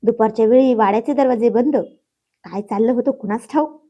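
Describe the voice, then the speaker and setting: A woman's voice: fairly high pitch, fairly quick, mellow, muffled recording, natural voice. A woman voicing a nosy, gossiping older village man who talks breathlessly and pries. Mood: prying. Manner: breathless, prying.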